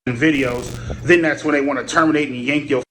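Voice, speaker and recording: A man's voice: mid-range voice, steady tone, fast, a bit bright, slight background noise, low-quality recording. A man ranting profanely to camera in a vlog clip, heated and blunt. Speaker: vlogger in a clip. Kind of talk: rant to camera.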